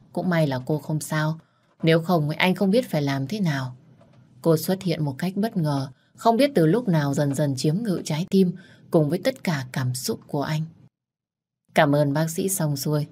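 Woman narrating an audiobook, deep husky voice, soft steady reading. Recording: faint music underneath.

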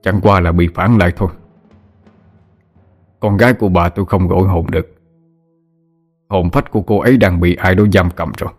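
A man voicing a grave middle-aged male village spirit medium who speaks slowly with hesitant fillers. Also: deep voice, steady tone, soft background music.

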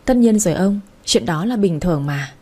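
A woman's voice: medium pitch, expressive, moderate pace, darkish tone, husky. A woman voicing a reserved young husband who answers briefly and evenly, in a storybook reading. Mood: cool.

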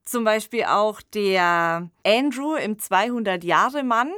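Speaking slowly in a mid-range, fairly bright voice, an expert commentator co-hosting a podcast reflects and explains in a conversational way. She frequently adds "ne" to her phrases during the analytical discussion, and the recording is dry and studio-quality.

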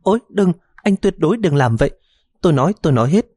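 A man's voice: animated, fast, mellow, breathy edge, dry recording, clean studio sound. A male narrator voicing a distraught young woman who pleads through tears. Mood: tearful pleading. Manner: high pleading, tearful.

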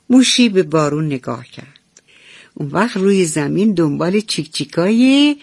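A woman narrating a bedtime story for children on the radio, gentle and affectionate. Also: fairly low pitch, dry recording. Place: radio studio.

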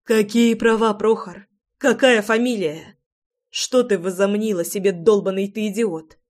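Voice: mid-range voice, level tone, slow pace, natural voice. Reader voicing a furious young wife. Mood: shouting, furious. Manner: clipped, hissing, shouting. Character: furious pregnant young wife, sharp-tongued. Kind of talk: audiobook character voice.

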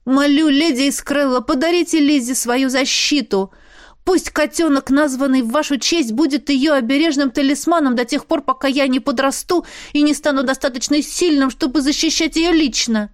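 A woman's voice: high-pitched, normal speed, no echo, pitched above the performer's own voice, natural voice. An earnest, serious young demon boy who pleads in a raised, boyish voice, as a woman reader puts him on. He sounds grown-up for his age. The audiobook recording is dry and close. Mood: pleading. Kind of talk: audiobook character voice.

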